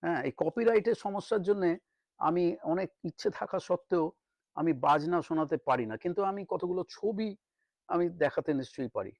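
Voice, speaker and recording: A middle-aged man teaching spoken English, repeating words slowly so students can copy the pronunciation. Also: high-pitched, lively intonation, darkish tone, no echo. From Bengal. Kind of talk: spoken English lesson in Bengali.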